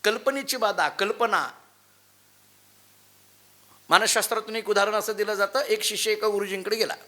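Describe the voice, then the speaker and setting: A male devotional preacher giving a sermon in a temple, telling stories and chanting scripture quotes with lively emphasis. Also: high-pitched, normal speed. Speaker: kirtankar preacher. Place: temple hall.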